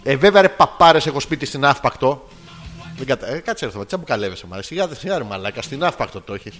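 A man's voice: mid-range voice, animated, fairly bright tone, faint music behind. A man co-hosting a podcast, telling stories and trading crude, teasing jokes in casual banter. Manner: joking, crude and teasing, rambling. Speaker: podcast co-host.

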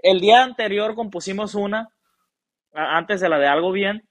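Young male musician, higher voice, dry sound, loose slangy chat. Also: normal speed, no room sound. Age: young adult. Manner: relaxed, slangy storytelling with many fillers. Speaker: guest musician. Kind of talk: casual interview chat.

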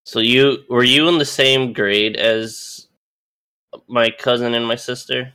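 A man's voice: mid-range voice, steady tone, slow pace, bright, forceful tone, clean tone. A man in his late twenties in casual podcast chat, drowsy and easygoing. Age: late 20s. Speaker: podcast co-host.

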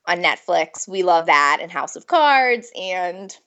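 A woman's voice: fairly low pitch, expressive, slow, a bit bright, dull audio. A pregnant woman, a food blogger guest, chatting casually in an interview, giggling often and filling her speech with "like". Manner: chatty, giggly, lots of filler "like".

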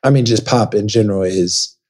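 A young man from Dallas, Texas, chats casually as a podcast guest, telling rambling stories with acted-out quotes. His voice is on the low side, a little mellow, and fairly quick.

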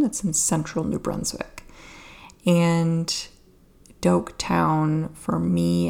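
A Canadian woman hosting a podcast in a casual, wry, chatty solo style, with a creaky voice full of vocal fry. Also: lowish voice, a little mellow. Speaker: podcast host.

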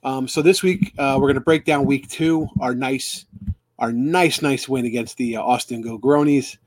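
A man's voice: medium pitch, fairly even intonation, normal speed, no room sound. A man hosting a casual live stream for a sports fan club, rambling with lots of fillers and restarts.

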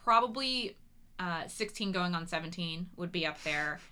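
A bright, chatty woman co-hosting a podcast, who giggles often and breaks into hummed or sung snippets. She talks in a relaxed, casual way with a clear, bright tone. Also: fairly low pitch, moderate pace. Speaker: podcast co-host, playwright. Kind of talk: casual chat.

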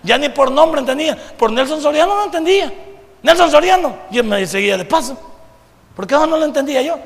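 Gravelly high-voiced Salvadoran preacher in a church. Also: male voice. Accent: Salvadoran Spanish. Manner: animated, rhetorical questions to the congregation, bursts of shouting. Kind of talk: sermon. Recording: long reverb of a church hall.

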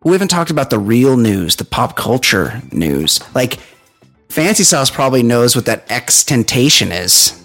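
A man hosting a casual comedic chat, rambling and halting as he repeats himself. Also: mid-range voice, sing-song, creaky, fairly bright tone, faint music behind. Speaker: talk show host.

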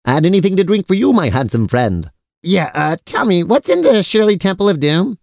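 A man's voice: high-pitched, big pitch swings, fairly quick, gravelly, no room sound, studio quality, heavily acted. A man playing a cheerfully oblivious, food-loving brother who is vain about his mustache, in a comic audio drama. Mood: vain, pleased. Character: mustache-proud, food-loving, easily distracted silly brother.

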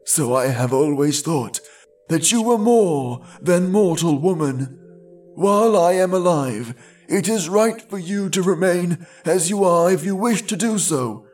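Male reader doing a slow-talking, high-voiced elderly bamboo cutter, earnest and pleading, storybook style. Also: darkish tone. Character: gentle old bamboo cutter, over seventy, devoted foster father. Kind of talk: storybook read-aloud.

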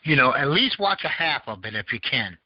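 A Southern American man hosts a casual call-in podcast, rambling and hunting for words with lots of fillers. His medium-pitched voice is very animated and fairly quick, with no room sound. The audio is dull and lo-fi.

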